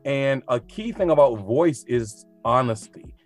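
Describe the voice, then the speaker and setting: A man in a relaxed interview, an experienced teacher who talks freely and reflectively and breaks into animated, slangy asides. His voice sits at an ordinary middle pitch. Faint music plays in the background. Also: measured pace. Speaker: teacher of high school students. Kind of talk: casual interview conversation.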